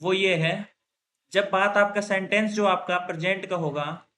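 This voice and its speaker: A man teaching English grammar in a classroom lecture. He explains step by step, often asks and answers his own questions, and says example sentences louder and slowly. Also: high-pitched, steady tone.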